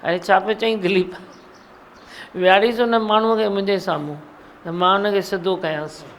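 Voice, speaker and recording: A woman's voice: medium pitch, fairly even intonation, moderate pace, a little hiss or hum. A woman guru gives a sermon, scolding and teasing her listeners and mimicking their mumbling. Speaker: spiritual guru. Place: satsang hall.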